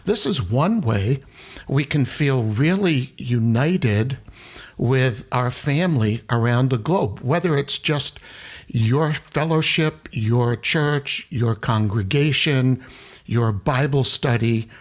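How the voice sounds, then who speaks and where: A man from the United States, an interview guest, talking earnestly and warmly in an unhurried way. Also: medium pitch. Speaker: worship leader guest. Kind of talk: interview conversation.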